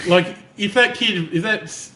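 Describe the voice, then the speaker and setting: Ranting podcast co-host, higher voice. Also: male voice, unhurried. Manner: ranting, animated, stumbling restarts. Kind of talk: casual chat.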